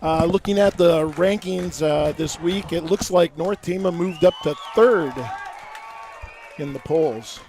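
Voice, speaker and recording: A man's voice: on the high side, a little slow, a little mellow, some chatter behind. Scratchy-voiced man calling small-town football. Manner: chatty, folksy, stumbles over words. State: scratchy voice, recovering. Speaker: play-by-play announcer. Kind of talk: local high school football broadcast.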